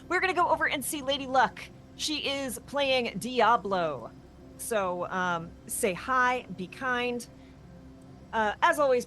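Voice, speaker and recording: A woman's voice: mid-range voice, fairly bright tone. A woman hosting a co-op game stream, chatting casually and thanking viewers in an upbeat way. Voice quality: chatty, upbeat sign-offs. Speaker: streamer and host.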